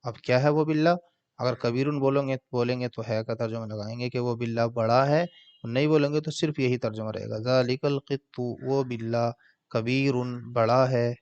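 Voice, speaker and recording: A man teaching an Arabic grammar lesson, translating word by word in a slow, patient way. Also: mid-range voice, darkish tone, highs cut off.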